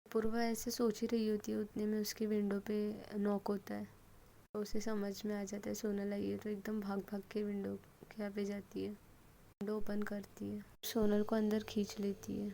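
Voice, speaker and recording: A woman narrating an episode of a love story series in an even, storytelling way. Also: mid-range voice, normal speed, gravelly, a little hiss or hum, low-quality recording.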